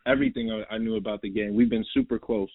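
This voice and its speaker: The recording is dry and tinny, like a phone line, as a young New York man speaks quickly in a fairly low, level voice. Appearing as a basketball guest in a relaxed interview, he rambles and repeats himself with plenty of "like" and "bro."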